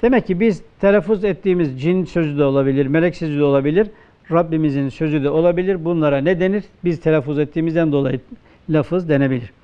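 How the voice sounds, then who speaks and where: A man with a Turkish accent, a religious teacher giving a classroom grammar lecture, who poses questions and answers them himself, and slows down to quote texts. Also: a little high, smooth, muffled recording. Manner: asks questions and answers them himself, slow emphatic quoting.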